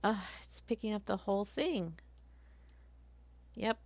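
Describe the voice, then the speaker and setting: Live-streaming a tutorial on craft software, a woman chats and thinks aloud as she works. Her voice is mid-range and unhurried, with no room sound.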